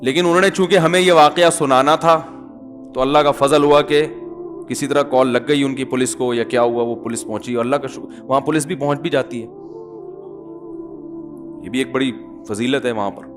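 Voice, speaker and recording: A man's voice: medium pitch, faint music behind. A middle-aged man, a preacher telling humorous anecdotes to his listeners in a chatty religious talk. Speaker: Islamic scholar and preacher.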